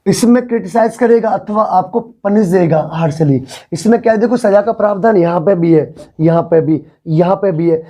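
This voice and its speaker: Mellow-voiced male vocabulary teacher. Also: sits high, moderate pace, hardly any pauses. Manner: explains patiently, repeats words, often asks the class if they follow. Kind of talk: classroom vocabulary lesson.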